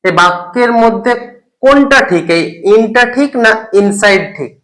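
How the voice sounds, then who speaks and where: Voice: medium pitch, animated, a bit bright, low-quality recording. Patient teacher drilling word by word. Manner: asks the listener questions and checks in with "okay?"; reads example English sentences slowly, word by word. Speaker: English teacher. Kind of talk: explaining grammar in a recorded lesson.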